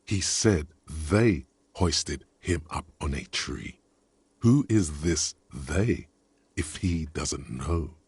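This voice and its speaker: An actor voicing a wry, deep-voiced male narrator in a video game, speaking in a measured, sardonic way. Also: darkish tone, slightly rough, no room sound, full character voice. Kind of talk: scripted narration.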